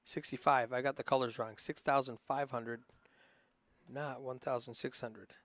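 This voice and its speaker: On a live poker stream, a man with a northern Minnesota accent gives casual play-by-play commentary, chatty and rambling with lots of ums and uhs. His mid-range voice is fairly bright in tone, with fairly even intonation and a moderate pace.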